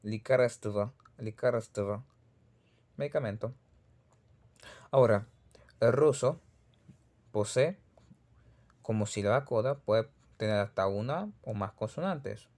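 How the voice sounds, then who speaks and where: A man's voice: medium pitch, expressive, measured pace, long pauses, darkish tone. A man with a Caribbean Spanish accent giving a pronunciation lesson, patiently repeating sample words one by one. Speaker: Russian language teacher.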